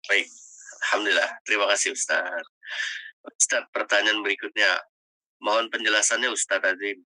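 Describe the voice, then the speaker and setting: Male moderator, low bright voice, dry room, formal and polite. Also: fairly even intonation, normal speed, no echo, low-quality recording. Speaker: moderator reading questions. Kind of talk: reading out questions.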